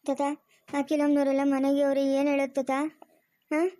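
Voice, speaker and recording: A woman with a rural Chikkaballapur Kannada accent plays a distressed daughter who pleads with her family. Her voice is high and mellow, her pitch stays flat, and she talks fast. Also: dry recording. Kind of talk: village web-series acting.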